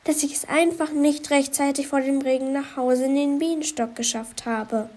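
A woman voicing a small, soaked, timid female bee in a children's storybook, with a high, soft, sniffling voice. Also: fairly even intonation, moderate pace, natural voice. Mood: sad. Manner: sniffling, downcast.

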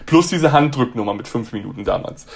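A middle-aged man from Hamburg, a ventriloquist, telling a lively, self-mocking anecdote in a casual interview. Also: mid-range voice, fairly quick, gravelly, husky. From Hamburg, Germany. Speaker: ventriloquist guest.

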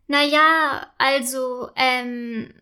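A woman voicing an excitable young girl who talks eagerly and stammers when caught out. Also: high voice, unhurried. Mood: excited.

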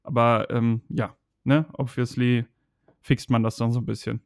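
A man's voice: mid-range voice, level tone, moderate pace, dry recording, studio quality. A man chatting casually on a podcast about a video game, talking in a rambling, hesitant way with many fillers.

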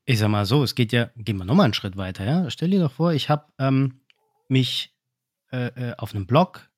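Two men in conversation, and this one has a middle-pitched voice that comes across very dry and close to the mic. He keeps things lively, tells stories and jumps in and out of the little phone scenes he acts out. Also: moderate pace, no echo. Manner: lively storytelling, acting out phone calls. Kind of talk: casual business chat.

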